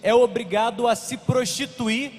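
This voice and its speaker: Brazilian man, highish husky voice, earnest panel talk, long hall echo. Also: fairly even intonation, unhurried. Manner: earnest, insistent, repeats phrases. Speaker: panel speaker. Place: conference hall. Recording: reverberant conference hall.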